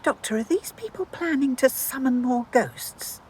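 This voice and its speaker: Audio drama: blunt warrior woman, husky tone. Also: sits high, expressive, unhurried, heavily acted. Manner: blunt and literal.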